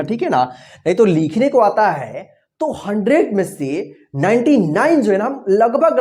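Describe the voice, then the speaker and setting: A woman's voice: medium pitch, warm tone. A woman teaching an English vocabulary lesson. She spells words out letter by letter, asks the learners questions and patiently repeats each answer and its meaning. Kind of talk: classroom-style vocabulary lesson.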